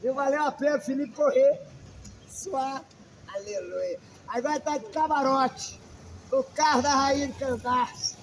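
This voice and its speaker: A man's voice: very high-pitched, a little slow, a little hiss or hum, rough recording. A man, a pastor, preaching a sermon emphatically and calling out questions to his listeners.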